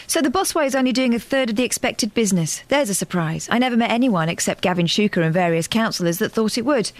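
A woman's voice: a little high, expressive, fast talker, no echo. A woman, a radio sidekick bantering casually and reading texts in a wry manner. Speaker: radio producer and on-air sidekick. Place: radio studio.

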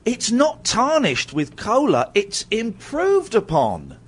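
A middle-aged male radio host with a high, husky voice chats with a caller, his pitch swooping wildly as he talks slowly. His casual on-air talk is rambling and self-mocking, full of restarts.

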